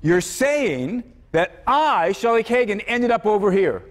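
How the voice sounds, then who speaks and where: High-voiced male lecturer in a reverberant hall. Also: sing-song, unhurried. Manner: conversational, repeats words often, acts out quoted voices. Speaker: university philosophy lecturer. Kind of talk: university lecture.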